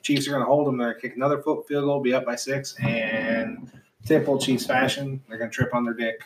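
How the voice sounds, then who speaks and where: A man's voice: mid-range voice, flat delivery, fairly quick. A man co-hosting a casual sports podcast, dry and brief, laughing off jokes. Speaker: podcast co-host. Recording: distant, roomy mic with faint noise.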